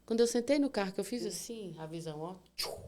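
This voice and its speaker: A woman, telling her own hard story as a podcast guest, animated and vivid, acting out what people said. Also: mid-range voice, fast. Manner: vivid, animated retelling with acted-out dialogue and sound words. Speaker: guest, cancer survivor. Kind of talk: emotional storytelling in a podcast interview.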